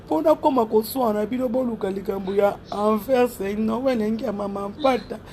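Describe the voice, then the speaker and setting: A woman with a high voice chats on a live stream, calling out viewers' names and answering their comments. She is animated and laughs often. A faint noise sits under her voice. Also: normal speed. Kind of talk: casual live chat, switching between Lingala and French.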